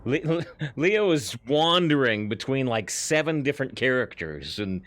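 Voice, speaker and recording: Un uomo che commenta una partita a un videogioco in tono colloquiale, chiacchierando, leggendo i dialoghi ad alta voce e ridendo spesso. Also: male voice, mid-range voice, very animated, moderate pace, a bit bright. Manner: chatty, laughs often, reads lines aloud. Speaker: let's play host. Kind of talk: casual gameplay commentary.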